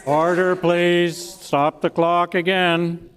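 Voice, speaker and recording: A man's voice: high voice, little pitch movement, slow, a bit bright, clean tone. A man making firm, formal procedural announcements as the presiding officer of a legislature. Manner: formal, firm calls to order. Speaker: speaker presiding over a legislature. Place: large indoor legislative chamber. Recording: echoey chamber, background murmur.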